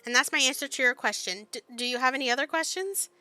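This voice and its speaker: A woman's voice: sits high, lively intonation, fast, bright, forceful tone, no echo, exaggerated voice. [name], a woman voicing a shy nervous scholar. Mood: nervous earnest. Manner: hesitant, stumbling over words. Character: shy anxious young female scholar. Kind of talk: reading game dialogue aloud.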